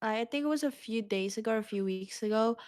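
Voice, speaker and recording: A woman's voice: on the high side, quick pace, a little mellow, no room sound. A woman co-hosting a casual group podcast, talking in a hesitant, giggly way with many restarts. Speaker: vtuber podcast co-host.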